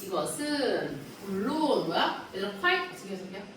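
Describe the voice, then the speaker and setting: Explaining a reading passage to her class, this English teacher keeps asking her students questions. She has a mid-range, slightly bright, sing-song voice at a moderate pace, recorded from afar in an echoey room with a little hiss or hum.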